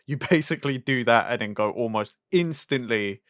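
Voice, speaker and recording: A man's voice: medium pitch, normal speed, fairly bright tone, dry recording, studio quality. A young man co-hosting a casual, sweary chat, griping and asking rhetorical questions. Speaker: podcast co-host. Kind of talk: casual chat about animation and games.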